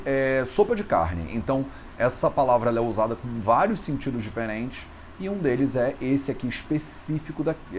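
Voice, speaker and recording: A man's voice: mid-range voice, a little hiss or hum. Patient Brazilian man teaching Sanskrit. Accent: Brazilian Portuguese. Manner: patient, repeats words slowly to demonstrate pronunciation. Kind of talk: explanatory online lesson.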